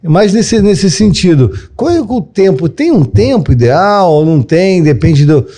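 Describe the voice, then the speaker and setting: A man's voice: high voice, very animated, measured pace, dark tone. A Brazilian man with a Brazilian Portuguese accent, hosting a podcast interview in a casual, motivational way and dotting his talk with "né" and "entendeu". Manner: motivational, leans on "né" and "entendeu" fillers. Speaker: podcast host, therapist.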